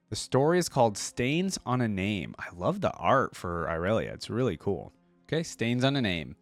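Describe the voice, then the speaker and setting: This man's voice sits on the low side, captured with no room sound, as he hosts a reaction video. He reads lore out loud and reacts casually, with lots of filler words and excited exclamations.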